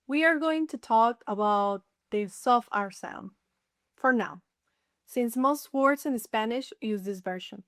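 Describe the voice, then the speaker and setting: A woman teaching a beginner Spanish lesson, saying each word slowly and clearly and repeating it. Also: on the high side, a bit bright, no room sound, clean studio sound. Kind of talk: slow scripted language lesson.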